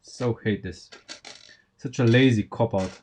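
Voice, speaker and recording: A Slovenian-accented man talks slowly and unhurriedly as he builds a Lego set on a live stream, thinking aloud and restarting his sentences. There is clear background noise and the clatter of keys on the track. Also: medium pitch, a little mellow. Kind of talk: casual live-stream chat while building.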